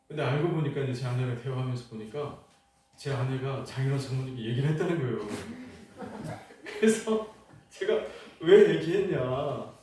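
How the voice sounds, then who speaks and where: A man's voice: mid-range voice, a little mellow, slight background noise. A middle-aged male pastor telling a personal story in a sermon, questioning the congregation and growing fervent as he acts out his prayers. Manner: asks the congregation questions, rising in fervor when acting out prayers. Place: church sanctuary. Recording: very echoey church hall, from far off.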